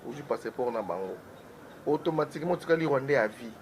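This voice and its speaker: A man giving political commentary as a guest on a talk show, talking in an animated way and switching between French and Lingala. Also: mid-range voice, fast talker, slight background noise, poor audio.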